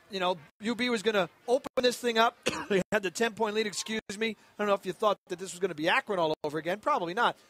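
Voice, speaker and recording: Guy doing play-by-play for college football, kinda high voice, chatty and rambly. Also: fairly bright tone. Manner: conversational, rambling with fillers. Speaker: play-by-play announcer. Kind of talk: sports commentary.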